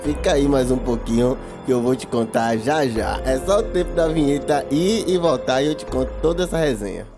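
Profane Bahian podcast host, thirties. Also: male voice, medium pitch, a little fast, hardly any pauses, music in the background. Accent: Bahian Portuguese. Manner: profane, self-mocking, laughs while telling. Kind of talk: casual comic storytelling.

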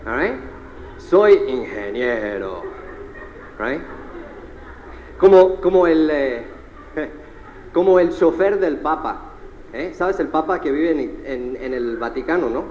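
A man giving an energetic seminar speech to a live audience. He fires questions at the crowd, tags his lines with "eh?" and mixes in English words. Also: fairly high pitch, muffled recording, a little hiss or hum. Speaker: motivational speaker at a sales seminar. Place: large seminar hall. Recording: echoey hall with long reverb.

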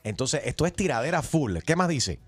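A man's voice: fairly high pitch, fairly quick, slightly rough, dry recording. A man hosting a morning radio show, joking with co-hosts and callers and translating clips. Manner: animated, translates clips for listeners. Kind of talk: fast morning radio banter.

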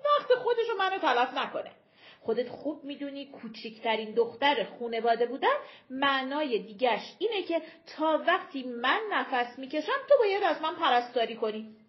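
A woman's voice: high-pitched, sing-song, dull audio. A woman reading an audiobook voices a stern, domineering older mother who speaks in a cold, commanding, scolding manner. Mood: harsh.

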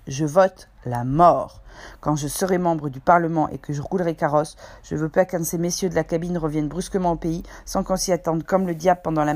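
A woman's voice: low voice, gravelly, darkish tone. A woman reading aloud, voicing a cunning old male pirate cook who speaks in persuasive, folksy sailor's slang. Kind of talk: audiobook character voice.

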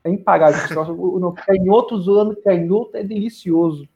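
A man's voice: high-pitched, fast, gravelly, a little mellow, slight background noise. A man co-hosting a podcast in casual political chat, rambling with many restarts and repeated words. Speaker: podcast co-host. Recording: dull lo-fi sound.

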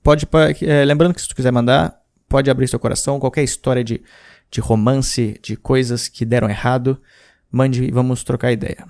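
This is a man from Brazil in his thirties hosting a podcast, reading listener messages and chatting loosely with slang and restarts. His mid-range voice is a little mellow, with fairly even intonation and normal speed.

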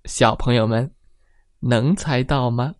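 A woman telling a bedtime story to children in a gentle, sing-song manner. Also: a bass voice, takes it slowly, no echo, studio quality.

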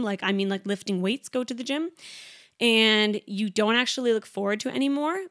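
A young woman in her twenties hosting a casual solo podcast, talking fast and chatty with lots of "like" fillers. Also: medium pitch, no echo, clean studio sound. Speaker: podcast host.

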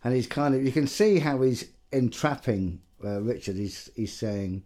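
Male co-host; quick quips, salty, playful banter. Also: mid-range voice, animated, mellow. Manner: jokey banter, swears freely, chimes in with quips. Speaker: podcast co-host. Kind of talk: casual true-crime podcast chat.

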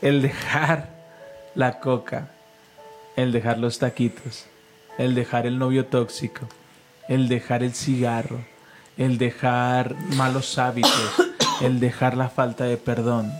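A man's voice: mid-range voice, poor audio. A man, a pastor and podcast host, preaching casually, telling stories and leading a call-and-response prayer. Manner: leads call-and-response prayer, fervent and storytelling.

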